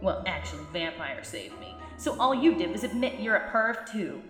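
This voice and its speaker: A woman's voice: mid-range voice, animated, normal speed, lightly acted. A woman voicing a foul-mouthed, angsty goth teenage witch girl who swears and bursts out melodramatically. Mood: snarling. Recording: roomy echo, faint music.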